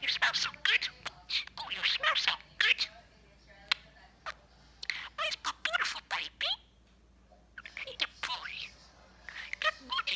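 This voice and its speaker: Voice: extremely high pitch, pushed and bright. A talking pet budgie, a small male parakeet, mimicking affectionate phrases in scratchy, buzzy, chirping parakeet chatter. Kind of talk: mimicked speech, sweet talk.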